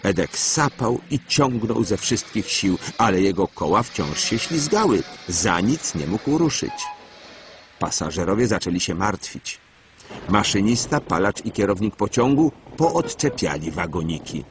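A man giving scripted, expressive storybook narration for a children's cartoon. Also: lowish voice, unhurried, background noise. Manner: expressive, animated reading. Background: background music.

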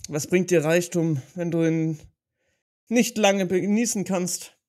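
A man's voice: sits high, slow, a little mellow. A man playing his knight character in a tabletop role-play, talking in a reflective, hesitant way. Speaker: player.

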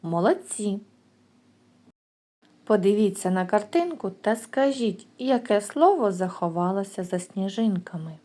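Woman teacher, preschool lesson, lively pitch, unhurried, clearly sounded words. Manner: slow, clear, drawn-out sounds for children. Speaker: kindergarten teacher.

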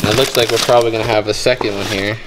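A young man casually narrating a vlog as he digs through a storage unit, joking and thinking out loud. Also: fairly low pitch, steady tone, rapid-fire, very noisy. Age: young adult. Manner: chatty, joking, thinking aloud while rummaging. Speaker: storage unit treasure hunter. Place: indoor metal storage unit.

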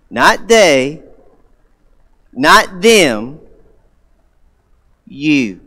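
Guy preaching in a big echoey church, high smooth voice, slow and emphatic, leans on repeated words. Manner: emphatic, repeats key words, shifts between loud and hushed. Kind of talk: sermon. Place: church sanctuary. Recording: long hall reverb.

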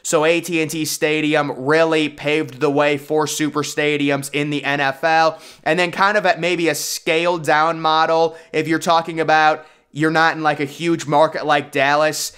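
A man's voice: on the high side, little pitch movement, moderate pace, few pauses, a bit bright, clear, resonant tone. A young man giving casual, opinionated commentary in a voice-over, enthusiastic and conversational. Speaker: YouTube sports commentator.

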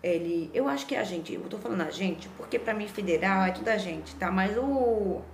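A woman's voice: mid-range voice, a little fast, echoey room, slight background noise. A woman with a Brazilian Portuguese accent, a mother and vlogger, chatting animatedly as she tells a personal story. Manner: chatty, lively, frequent "né?" tag questions. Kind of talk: casual storytelling vlog.

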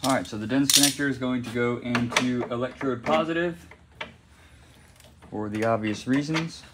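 A man's voice: mid-range voice, moderate pace. Young dude rambling casually in his garage, mid voice, phone cam, bit of shop noise behind. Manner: chatty, loose, talks while working with his hands. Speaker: welding hobbyist vlogger. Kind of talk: casual unboxing and how-to talk. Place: garage workshop with concrete floor. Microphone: phone camera held or propped nearby.

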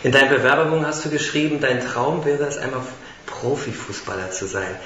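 A man's voice: mid-range voice, lively intonation, fairly quick, pushed and bright, dull audio. A man playfully interviewing a contestant in a mock casting show, laughing often. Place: small room indoors. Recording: echoey room, faint hiss.

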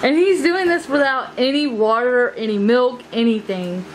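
A woman's voice: a little high, moderate pace. A woman giving casual, encouraging commentary for a home vlog from behind the camera. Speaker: off-camera host filming. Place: home dining room, indoors. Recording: noisy room with air conditioning hum.

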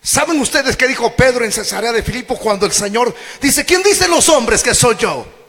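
A high, bright male voice preaching with lively, wide-ranging pitch. He swings from shouted declarations to low, drawn-out phrases in a sermon to his church. The sound rings with long reverb from a large hall. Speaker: pastor.

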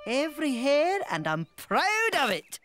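A man voicing a hearty, encouraging young highlander in a cartoon, with a Scottish accent and the jovial manner of a laird. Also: wildly swooping pitch, a little slow, pushed and bright, exaggerated voice. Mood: jovial, proud. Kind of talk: animated series voice acting. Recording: music behind the voice.

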